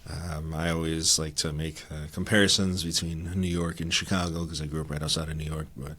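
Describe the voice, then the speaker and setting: Podcast host, male, from Connecticut; low voice, friendly interviewer. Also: level tone, fairly quick, pushed and bright, husky. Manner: friendly, brief encouraging backchannels.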